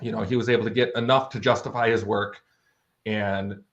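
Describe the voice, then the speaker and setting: Recorded in dull, lo-fi sound, a male interview guest who writes books and produces audio dramas tells anecdotes in an easygoing, chatty manner. His pitch is fairly low, his tone steady, and he talks a little fast.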